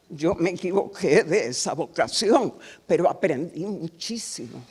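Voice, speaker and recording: An older woman from Cuba, a guest author giving a wry, unhurried talk in a university auditorium. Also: lowish voice, a little mellow, breathy edge. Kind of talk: public talk at a workshop.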